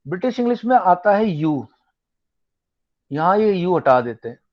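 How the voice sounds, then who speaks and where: A man's voice: high voice, very animated, moderate pace, highs cut off. A man teaching a science class online, explaining in a mix of Hindi and English and asking his students questions. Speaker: tutor.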